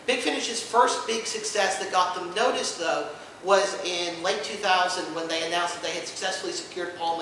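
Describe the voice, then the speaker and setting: A man with a high, bright, pushed voice hosts an informal convention panel, explaining things with dry humor; he also co-hosts a podcast. It's recorded in an indoor panel room, echoey, with a distant mic and background noise.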